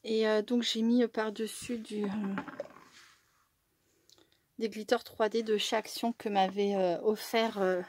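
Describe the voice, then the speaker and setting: A woman's voice: medium pitch, flat delivery, a little slow, pauses often, darkish tone. A woman chatting casually as a crafting vlogger while unboxing, with many fillers and small laughs.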